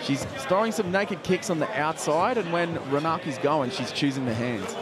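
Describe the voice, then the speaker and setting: A man's voice: fairly high pitch, normal speed. Man calling fights over a roaring crowd. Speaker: play-by-play fight commentator. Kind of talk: live MMA commentary. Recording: loud crowd noise behind commentary. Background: noisy fight crowd.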